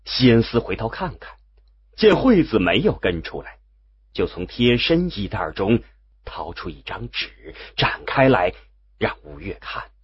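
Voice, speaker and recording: Very husky, slow male audiobook narrator. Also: fairly low pitch, sing-song, lo-fi sound. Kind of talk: scripted novel narration.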